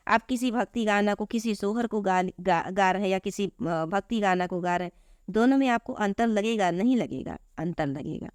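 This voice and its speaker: Woman teacher, patient repetitive lesson, mid-pitched voice, dry close recording. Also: clean tone, no echo. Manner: patient, repetitive explaining, addressing students as children. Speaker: Hindi teacher. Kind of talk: classroom lesson explaining grammar.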